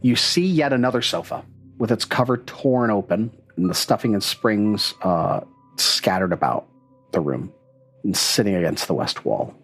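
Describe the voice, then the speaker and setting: A man's voice: fairly low pitch, expressive, normal speed, a bit bright, slightly rough, faint music behind. A man running a tabletop game as game master, narrating scenes and bantering playfully with the players.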